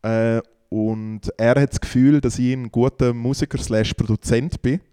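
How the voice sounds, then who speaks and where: A man co-hosting a podcast chats casually, rambling through long stories packed with fillers. His mid-range voice is steady, dark, and clean, at a moderate pace.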